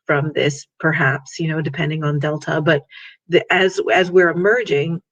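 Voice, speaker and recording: A man's voice: on the high side, steady tone, moderate pace, fairly bright tone. A man moderating a panel discussion, rambling with many fillers. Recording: dull lo-fi audio.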